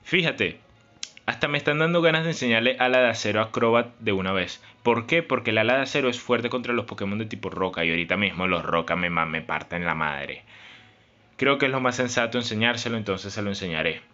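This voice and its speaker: A man's voice: on the low side, fairly quick, bright, forceful tone. A young man giving dramatic, emotional Let's Play commentary, pleading and lamenting over his game. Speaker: gaming YouTuber. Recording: slightly dull recording with game music behind.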